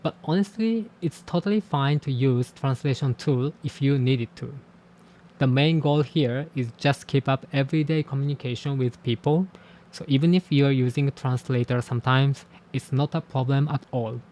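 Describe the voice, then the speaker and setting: A candid man with a mid-range, slightly mellow voice speaks to camera, musing on the process of learning languages. A native Japanese speaker, he teaches languages and hosts a channel, keeping his delivery measured and self-deprecating.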